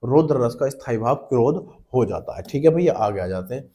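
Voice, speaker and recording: A man's voice: medium pitch, animated, a little fast, dark tone. A man teaching an exam-prep lesson, explaining step by step and answering his own questions, often calling the listeners brother.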